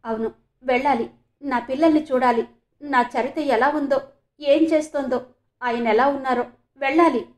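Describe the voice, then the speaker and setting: A woman voicing a homesick middle-aged mother who calls out in excitement, in a read-aloud story. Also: high voice, normal speed, pauses often, reverberant, lightly acted. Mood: overjoyed. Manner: excited, calling out loudly.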